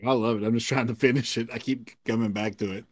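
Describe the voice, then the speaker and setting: A man's voice: mid-range voice, fairly even intonation, fast, dry recording, studio quality. A man from the American South with a Southern accent, a laid-back guest on a gaming podcast. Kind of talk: casual podcast chat.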